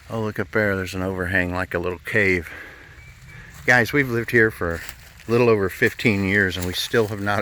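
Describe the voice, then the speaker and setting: A middle-aged vlogger narrates a casual hike through woods and fields, folksy and easygoing, sometimes out of breath. His voice is fairly low with a sharp tone.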